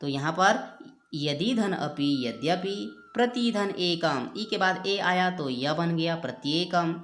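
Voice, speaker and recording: A woman's voice: fairly low pitch, animated, takes it slowly. A woman teaching Sanskrit grammar, explaining step by step, patiently repeating sounds and examples. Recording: echoey room, faint background music.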